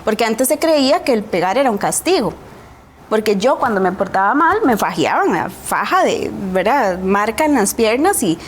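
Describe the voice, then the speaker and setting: A woman's voice: fairly high pitch, sing-song, normal speed. A woman with a Costa Rican accent speaks as a guest in a TV interview, with a voice set a little above the usual range for women. She tells her own story in a reflective, earnest way and often checks in with a questioning tag. A faint hiss sits under her voice.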